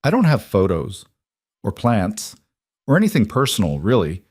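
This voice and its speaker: A reserved, earnest woman CEO speaks softly in a storybook, as a male narrator puts her on. The voice sits a touch above his own low range and stays quiet. The sound is dry and close. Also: wildly swooping pitch, moderate pace, slightly rough, dry recording, exaggerated voice. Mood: tender.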